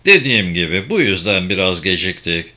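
A man reading a wry older spy, laconic, slightly low voice, firm bright tone, audiobook scene. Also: sing-song, brisk, exaggerated voice.

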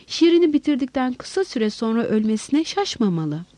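Expressive woman narrating a novel. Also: high-pitched, normal speed, no echo. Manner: expressive, voicing several men in dialogue. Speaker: audiobook narrator. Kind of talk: scripted novel narration with character voices.

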